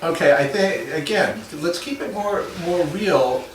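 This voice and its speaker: A man's voice: high voice, lively intonation, unhurried. A man coaching actors through a scene, giving thoughtful notes that he often restarts. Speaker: acting coach. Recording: echoey room from a distance, noisy.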